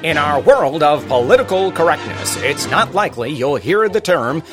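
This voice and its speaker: Old-timey male radio narrator, declaiming and formal, loud and projected, a man putting it on. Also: fairly high pitch, sing-song, moderate pace, music in the background. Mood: announcing. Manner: stagey, declaiming.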